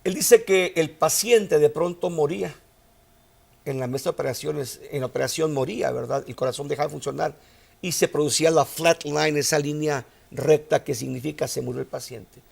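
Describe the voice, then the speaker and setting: A man's voice: a little high, normal speed, vocal fry, husky. A male pastor preaching a sermon, telling a story and rising to emphatic outbursts.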